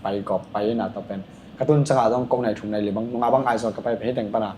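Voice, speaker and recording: Fast-talking man in an echoey room. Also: medium pitch, warm tone, highs cut off. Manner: rapid, rambling storytelling with filler sounds. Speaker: podcast guest, dancer. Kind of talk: casual podcast chat. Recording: echoey room with faint ambient noise.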